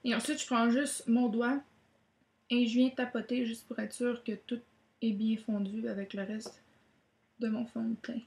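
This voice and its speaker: A woman's voice: fairly high pitch, flat delivery, unhurried, vocal fry, darkish tone, roomy sound. A woman gives a chatty makeup tutorial, with many "donc, euh" fillers. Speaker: beauty vlogger.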